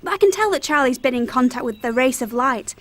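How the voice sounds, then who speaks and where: An earnest woman with a high voice in an audio drama. She is self-assured and states strange beliefs as plain fact, like a know-it-all. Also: expressive, fast.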